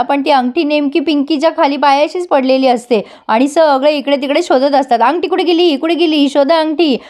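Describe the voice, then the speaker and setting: A woman with a high voice recaps a TV serial in a relaxed, chatty way. She talks directly to her viewers as she tells the story.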